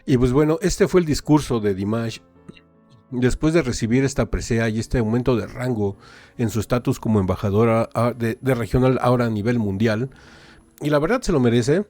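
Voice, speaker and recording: A reaction-channel host translates live in a casual mix of translation and commentary. His voice sits in the mid range and is a little mellow. He hesitates often, filling the pauses with "eh" and "este."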